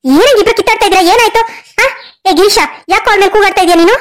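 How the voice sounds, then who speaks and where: A woman's voice: extremely high pitch, very fast. A woman voicing an older mother in a cartoon story who fiercely defends her daughter, scolding indignantly. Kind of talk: cartoon voice acting.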